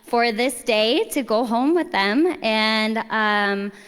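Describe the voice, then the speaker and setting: Slow-speaking woman with a long hall echo. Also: on the high side, fairly bright tone, clear, resonant tone. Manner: unhurried, with frequent ums. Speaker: client services training coordinator. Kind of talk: ceremony speech.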